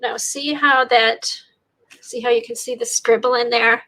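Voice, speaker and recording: A fairly high, sharp-toned woman's voice, stuffy and congested from a sinus infection, speaks a little slowly and with fairly even intonation on a low-quality recording. As an art livestream host, she demonstrates a craft technique, rambling and thinking aloud while she works.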